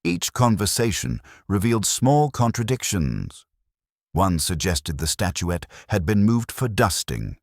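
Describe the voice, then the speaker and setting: This scripted mystery narration comes from a man whose voice is extremely deep and whose pitch roams widely within a careful, literary reading. He sounds very animated, captured close up in a dry space without any echo.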